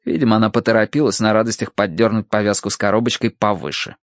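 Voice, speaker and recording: A man narrating an audiobook in the first person with expressive, lively storytelling. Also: lowish voice, fast talker, no room sound, studio quality.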